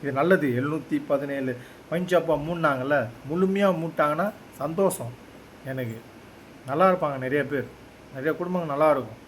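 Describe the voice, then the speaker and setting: A man's voice: on the high side, a little fast, slight background noise, low-quality recording. A man with a Tamil Nadu accent making an earnest, pleading appeal to his viewers. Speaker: social media commentator. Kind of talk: pleading direct-to-camera appeal.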